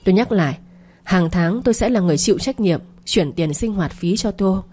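A woman's voice: mid-range voice, lively intonation, fairly quick, warm tone, slightly rough. A woman voicing a cold, scornful young man, rich son of the family, lecturing his father's mistress in an audio story. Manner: lecturing, contemptuous.

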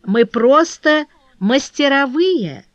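An eager young flower girl, bright with excitement and pleading in quick exclamations, as a woman reading aloud puts her on. Her voice sits high and swoops widely. The recording is dull and lo-fi, with a dry, close sound. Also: no room sound. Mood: excited.

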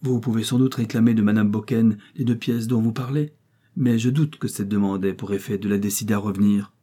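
A man voicing a reserved notary who speaks coldly and in a measured way. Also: fairly low pitch, dark tone, breathy edge. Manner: cold and measured. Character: cold, reserved middle-aged male notary.

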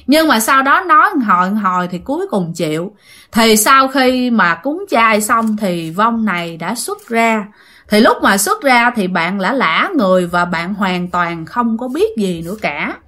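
A woman's voice: fairly high pitch, pushed and bright. A woman telling a ghost story, chatting directly with her listeners.

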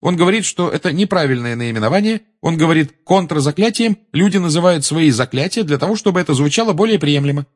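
A man voicing an earnest, clever teenage schoolgirl who speaks in a clear, insistent voice in an audiobook. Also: on the high side, expressive, fast, hardly any pauses, pitched above the performer's own voice. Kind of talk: audiobook character voice.

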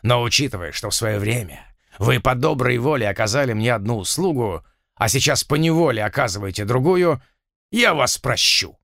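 A man voicing a calm, sly pirate captain who speaks low, quietly and with smooth irony. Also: normal speed, dry recording, studio quality.

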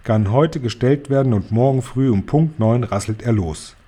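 A man's voice: mid-range voice, normal speed, dark tone, close to an everyday voice. A man playing a domineering head witch. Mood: commanding. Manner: commanding, scornful, lecturing. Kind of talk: audiobook reading.

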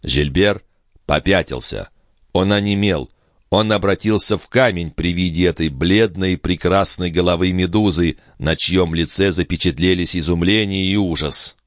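A man reading a classic novel aloud as a dramatic audiobook, with expressive, theatrical narration. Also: deep voice, normal speed, dry recording, studio quality.

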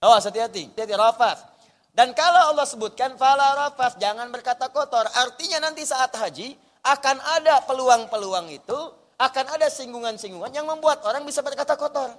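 A male preacher giving a sermon, lively, dropping to hushed storytelling and rising to loud urging. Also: extremely high pitch, fairly quick. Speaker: ustaz, preacher. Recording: long hall reverb.

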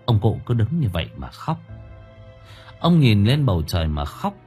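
A man reading a story aloud as an audiobook narrator in expressive, scripted narration. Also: fairly low pitch, normal speed, soft background music.

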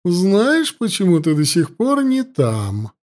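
A man voicing a cruel, scheming older female high priestess who mocks and commands in a cold voice. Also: wildly swooping pitch, takes it slowly, full character voice. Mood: gloating.

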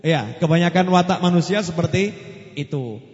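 A man's voice: on the high side, lively intonation, normal speed. A man with a Javanese accent preaching a humorous sermon, joking and asking the congregation questions. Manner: joking, asks the audience questions, mixes in Javanese phrases. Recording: dull lo-fi sound with long hall reverb.

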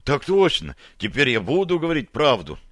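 A man's voice: medium pitch, huge pitch swings, normal speed, a bit bright, no echo. A man voicing a frightened, dazed young soldier who answers eagerly in strained replies, in a dry recording.

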